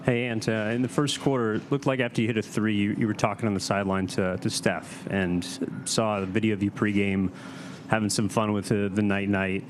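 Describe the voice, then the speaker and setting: A man asking a sports press conference question in halting, rambling phrases. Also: lowish voice, flat delivery. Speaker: sports reporter. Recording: noisy press room ambience.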